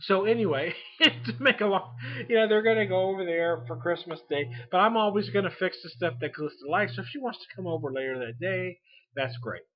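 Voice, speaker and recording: This forties-aged beer vlogger keeps things casual and folksy, rambling along and laughing often as he goes. His voice is high-pitched and a little fast, captured on a lo-fi home recording.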